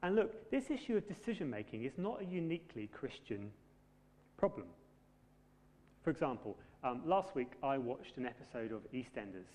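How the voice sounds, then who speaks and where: A man preaching a sermon in a conversational, gently humorous way. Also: medium pitch, sing-song, moderate pace. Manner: conversational, self-deprecating humour. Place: church. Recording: long hall reverb.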